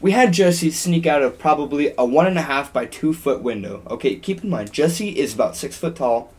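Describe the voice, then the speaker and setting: A man's voice: a little high, expressive, normal speed, darkish tone, husky. A young man in casual podcast chat, telling a long anecdote in a rambling way with frequent ums and restarts. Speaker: podcast co-host.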